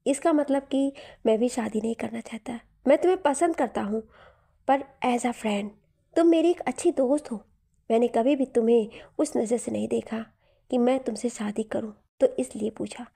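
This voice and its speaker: A woman's voice: fairly high pitch, normal speed, creaky, mellow, husky. A woman voicing a playful young man who teases his childhood friend, in a storybook reading. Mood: teasing. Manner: playful, teasing.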